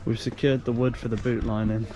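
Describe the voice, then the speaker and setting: A man's voice: medium pitch, little pitch movement, noisy background. A man, chatting casually and joking while shopping for parts and working on a car. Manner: jokey, laughing, quick banter. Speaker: vlog host.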